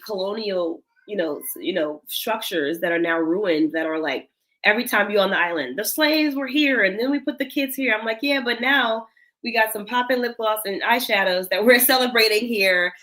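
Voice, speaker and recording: A woman's voice: medium pitch, fairly quick, a bit bright, poor audio. A woman in her thirties from Senegal, a guest in an interview, speaking in an earnest, reflective way with light laughs. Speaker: guest, cosmetics founder. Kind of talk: interview conversation.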